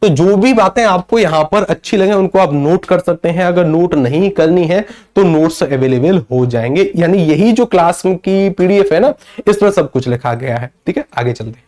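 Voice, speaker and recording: A man's voice: high-pitched, lively intonation, moderate pace, darkish tone. A man from northern India teaching a live online grammar class, answering his own questions and greeting viewers by name.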